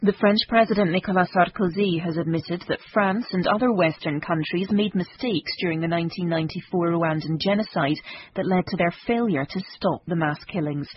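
Husky British woman reading radio news. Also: fairly low pitch, highs cut off. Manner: measured, formal. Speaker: newsreader. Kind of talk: scripted radio news bulletin.

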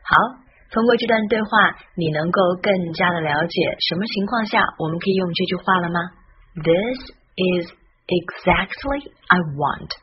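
A woman hosting a recorded English lesson, speaking slowly and carefully as she spells out letters and sounds. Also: lowish voice. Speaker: English teacher and host. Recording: dull lo-fi recording with faint noise.

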